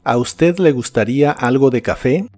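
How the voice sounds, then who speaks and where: Guy running an english lesson, even mid voice, careful slow words, faint music behind. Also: medium pitch. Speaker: English teacher. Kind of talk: scripted pronunciation lesson.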